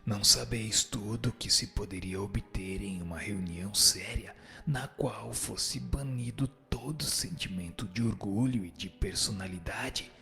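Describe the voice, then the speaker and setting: A gravelly, lowish male voice with a sharp tone and an exaggerated delivery plays a solemn spirit giving instruction in a radio drama. The man has a Brazilian accent and uses formal language, and music sits under his lines.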